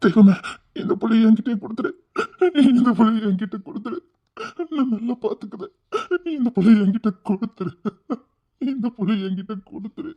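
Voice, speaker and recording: A woman acting as a lonely, tender-hearted man in a Tirunelveli Tamil drama, tearful and pleading, often hushed. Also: a little high, steady tone, fairly quick, slightly rough, lo-fi sound.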